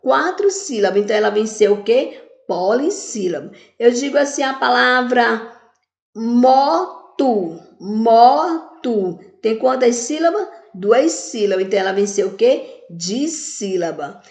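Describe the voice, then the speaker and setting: A woman's voice: a little high, lively intonation, normal speed, a little mellow, reverberant. A woman teaching children in a recorded video lesson, asking questions and answering them herself while stretching words out syllable by syllable. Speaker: primary school teacher.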